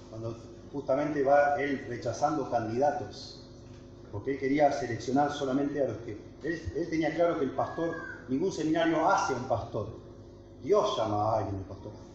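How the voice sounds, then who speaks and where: A man's voice: medium pitch, a little fast, a little mellow, slight background noise. A man with a Rioplatense Spanish accent, a guest pastor teaching a workshop at a camp, earnest and emphatic, often restarting and checking in with the room. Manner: earnest, emphatic, frequent restarts and tag questions. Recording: echoey hall, dull lo-fi sound.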